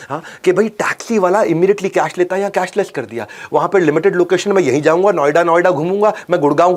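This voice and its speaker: Emphatic business coach, fairly high voice. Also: male voice. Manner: emphatic, repeats lines for stress, swings from loud to hushed. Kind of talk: motivational business talk.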